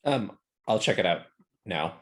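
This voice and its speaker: A man playing a tabletop game, chatting casually and hesitantly as he deliberates aloud over his choices. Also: deep voice, expressive, fairly bright tone.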